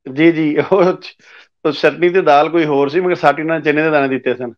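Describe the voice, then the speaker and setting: A man telling a long personal story as an interview guest, acting out the other people's lines as he goes. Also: on the high side. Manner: animated storyteller who acts out quoted dialogue. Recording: muffled lo-fi audio.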